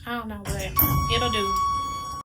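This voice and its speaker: A woman's voice: mid-range voice, steady tone, slow, over loud music. A young woman chatting casually to viewers in a vlog, filmed on a phone. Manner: chatty, addresses viewers as y'all. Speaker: vlogger.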